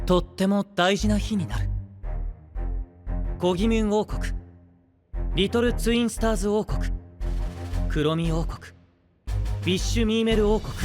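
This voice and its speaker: In an anime-style voice drama, a male actor plays a gentle, composed young knight leader with grand ambitions. His high voice is soft, polite and persuasive, here delivering a proud announcement.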